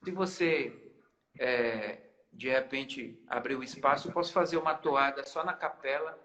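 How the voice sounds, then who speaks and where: Interviewed casually on a live stream, a band founder and musician from Maranhão, Brazil, patiently explains while frequently restarting phrases. His mid-range voice is fairly bright and measured in pace, and the recording's highs are cut off.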